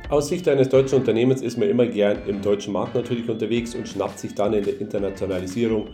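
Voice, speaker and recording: A man hosting his own podcast, relaxed and joking as he talks with his guest. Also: lowish voice, fast, soft background music. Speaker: podcast host.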